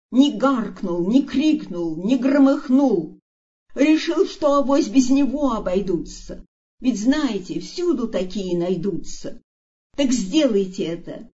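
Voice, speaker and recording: A woman's voice: on the high side, dark tone. Storybook: woman reader plays a kind, stubborn male elephant, pleading and urgent, dull lo-fi sound. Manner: pleading, insistent, raised voice. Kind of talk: storybook reading.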